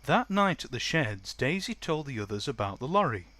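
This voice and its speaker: A man narrating a children's storybook in a plain, steady way. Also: medium pitch, normal speed, noisy background.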